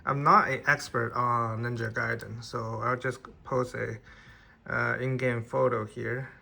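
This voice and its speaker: A man's voice: medium pitch, little pitch movement, a little slow, gravelly, pushed and bright. A man, not an English speaker, casually reviewing an action figure in plain conversational talk with restarts. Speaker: toy reviewer.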